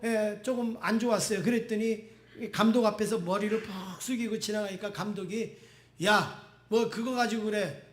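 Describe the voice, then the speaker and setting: Male pastor, high voice, rhetorical sermon delivery, roomy sanctuary echo. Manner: preaches with rising exclamations and rhetorical questions. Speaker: senior pastor. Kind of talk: Sunday sermon. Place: church sanctuary. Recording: echoey church sanctuary.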